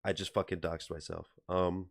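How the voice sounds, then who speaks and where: A man from Wisconsin co-hosting a casual podcast chat, speaking in a dry, laid-back way and often dropping into quiet, mumbled asides. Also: low voice, flat delivery, moderate pace, gravelly, a little hiss or hum. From Wisconsin, USA. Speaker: podcast co-host.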